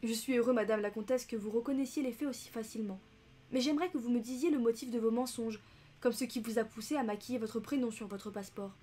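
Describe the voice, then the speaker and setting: A woman's voice: on the high side, quick pace, husky. A woman reading as a shrewd polite detective. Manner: calm, insistent questioning. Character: shrewd polite male detective, middle-aged.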